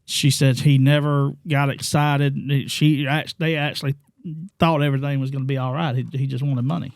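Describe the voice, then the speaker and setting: A man's voice: medium pitch, flat delivery, normal speed, gravelly, no echo, clean studio sound. A man co-hosting a casual true-crime chat over drinks, telling the story with animation and teasing his friends. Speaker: podcast co-host.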